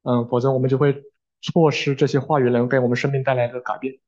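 A man interpreting a sermon live, with fillers and quick self-corrections. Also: medium pitch, little pitch movement, darkish tone, muffled recording.

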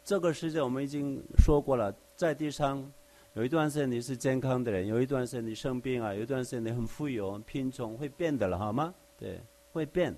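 Speaking fairly quickly in a medium-pitched, dark voice, this man leads a conversational Bible study. He works through the text verse by verse, uses everyday examples, and often asks rhetorical questions.

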